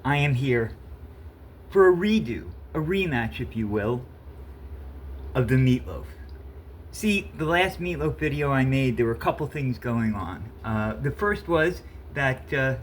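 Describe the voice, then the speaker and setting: With a stuffy cold, this home cook vlogger in his 50s chats his way through cooking in his kitchen, rambling and catching his own mistakes. He speaks at a measured pace in a mid-range voice with lively intonation, over a faint hiss or hum.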